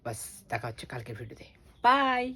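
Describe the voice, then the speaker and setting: A young man chatting casually to his viewers in a daily vlog, talking quickly and calling them guys. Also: mid-range voice, huge pitch swings, bright, forceful tone, breathy edge. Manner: rapid chatty talk, addresses viewers as guys. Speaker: daily vlogger.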